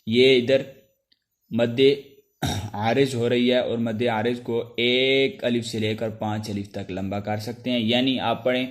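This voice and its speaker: A man with a Pakistani Urdu accent teaching a Quran recitation lesson, explaining each letter step by step and chanting the sounds slowly. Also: mid-range voice, steady tone. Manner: slow drawn-out chanted letters between spoken explanations; clears throat now and then.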